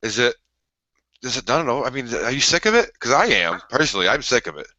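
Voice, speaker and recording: A young man co-hosting a casual podcast, arguing and mocking his co-host in animated banter. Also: mid-range voice, fast talker, dry recording, muffled recording.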